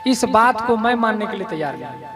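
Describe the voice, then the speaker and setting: A man preaching at an ashram, telling a moral story slowly and asking the listeners rhetorical questions. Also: high voice, expressive. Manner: slow, repeats rhetorical questions to the audience. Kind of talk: storytelling sermon. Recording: flute music playing behind.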